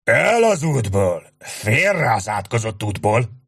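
A man's voice: sits low, animated, gravelly, slightly rough, no room sound, full character voice. A man doing a huge bellowing sergeant. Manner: bellowing, slow and heavy. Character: gruff hulking Irish soldier sergeant.

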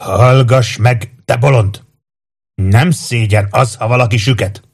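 A man voicing a gruff veteran commander who barks scornful orders at exhausted soldiers. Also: mid-range voice. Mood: commanding. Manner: barking, scornful.

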